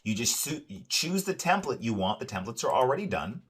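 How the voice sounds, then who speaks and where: A man giving an upbeat, salesy screen-share walkthrough of a software dashboard, often adding "right?" and filler "uh"s. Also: mid-range voice, big pitch swings, fairly quick, husky. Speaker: product demonstrator.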